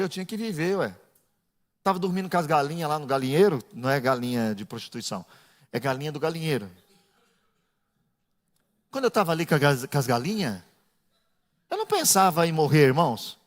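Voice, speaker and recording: A middle-aged male pastor preaching a sermon, dropping to low asides and building to shouted, half-sung climaxes. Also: lively intonation, quick pace, pauses often. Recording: echoey church hall.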